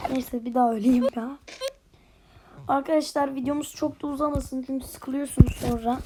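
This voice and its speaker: A young woman chatting excitedly over her gameplay as a channel host, muttering and whispering to herself. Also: high voice, background noise. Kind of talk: casual gameplay commentary.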